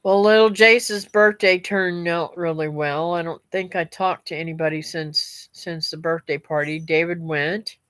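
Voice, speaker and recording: This middle-aged homestead vlogger speaks in a lowish, steady, fairly bright voice that's a little stuffy and nasal, unhurried yet with hardly any pauses. She rambles casually with her live-stream viewers while reading their comments, calling them "guys" and "y'all."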